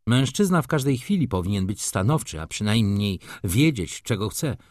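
A man's voice: fairly low pitch, big pitch swings, moderate pace, darkish tone, no echo, studio quality. A man voicing a cold, brooding merchant. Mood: cold bitter. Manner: restrained, cool, bitter. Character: brooding middle-aged merchant, cold and bitter. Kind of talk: audiobook character reading.

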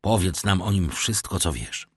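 A man's voice: sits low, expressive, normal speed, slightly rough, dry recording, clean studio sound. A man voicing an agitated young man who speaks in an urgent, imploring way in a read-aloud novel.

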